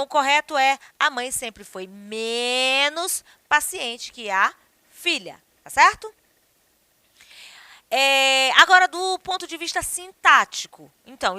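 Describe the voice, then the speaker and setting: A woman teacher giving a lively grammar lesson, often checking in with questions to the class. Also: a little high, no room sound. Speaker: Portuguese teacher.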